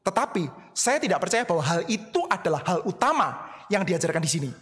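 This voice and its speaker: A man's voice: sits high, big pitch swings, fairly quick, fairly bright tone, in a large hall. A male pastor preaching a sermon, addressing listeners directly and mixing English words into his speech.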